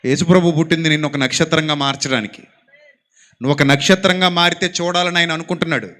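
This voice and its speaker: A man's voice: on the high side, fairly even intonation, fast talker. A man preaching a sermon, exhorting his listeners with rhetorical questions and having them repeat lines after him. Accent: Telugu. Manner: exhorting, asks the congregation to repeat lines aloud; rhetorical questions, swings between soft and loud.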